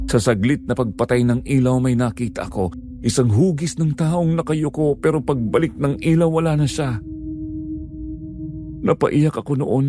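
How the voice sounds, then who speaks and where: A man telling a scripted horror story in a hushed, suspenseful way. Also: mid-range voice.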